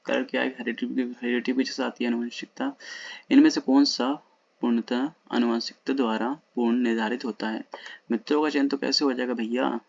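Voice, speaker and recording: A man working through old exam questions in a casual lesson, reading the English question text slowly and then explaining quickly in Hindi, recorded at home at night. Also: medium pitch, little pitch movement, gravelly, dry recording, lo-fi sound. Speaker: exam-prep teacher.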